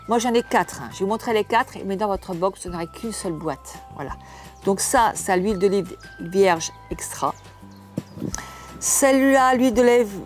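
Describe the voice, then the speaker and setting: A woman's voice: mid-range voice, darkish tone. An older woman hosting a home cooking channel, chatting casually and homely to the camera as she unboxes food, often restarting her words.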